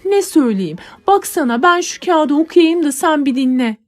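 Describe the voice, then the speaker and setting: A distraught young girl, as a woman reader puts her on, pleading and crying out high and loud against a forced marriage in a storybook reading. Her lines rise well above the reader's usual voice. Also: lively intonation, normal speed. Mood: anguished.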